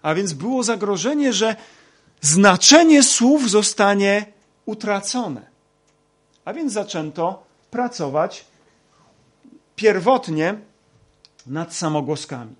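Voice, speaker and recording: Slow, hesitant male Bible teacher. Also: high voice, animated, breathy edge. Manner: slow, hesitant, many fillers. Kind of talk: lecture with slides.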